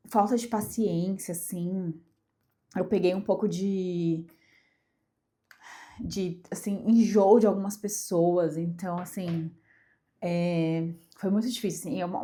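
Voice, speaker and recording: A lowish, dark-toned voice belongs to a young Brazilian vlogger who has a cold and sounds congested. She chats to camera in a casual, personal, emphatic way.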